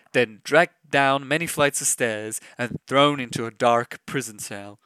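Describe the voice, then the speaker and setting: A man reading a storybook tale aloud, slowly and expressively, adding little sound effects. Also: mid-range voice, a bit bright, no echo. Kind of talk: storybook read-aloud narration.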